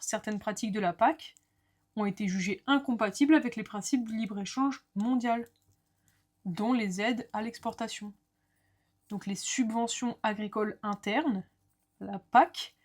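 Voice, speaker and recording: A woman lecturer explaining a law lesson step by step, with clear, structured delivery and small asides to the viewer. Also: on the high side.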